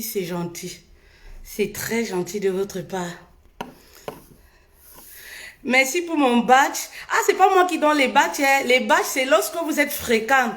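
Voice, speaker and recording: Female live host, high and unhurried, animated, echoey room, faint music behind. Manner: sings playfully between greetings; animated, urging viewers. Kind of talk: casual live chat.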